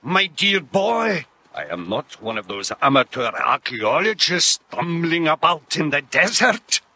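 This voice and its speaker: An actor playing a pompous, excitable, eccentric archaeologist in a cartoon. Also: male voice, on the high side, a little slow, full character voice. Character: pompous, absent-minded eccentric male archaeologist. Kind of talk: cartoon voice acting.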